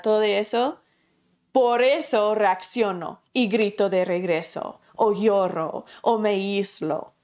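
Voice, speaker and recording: Woman teacher, mid pitch, explains patiently with rhetorical questions. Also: darkish tone. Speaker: addiction recovery teacher. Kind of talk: teaching talk on recovery.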